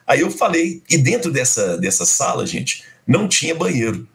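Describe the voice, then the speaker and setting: A middle-aged guest from Belo Horizonte tells a personal story in conversation, animatedly acting out the quoted dialogue. He speaks in a mid-range voice at a moderate pace, with vocal fry.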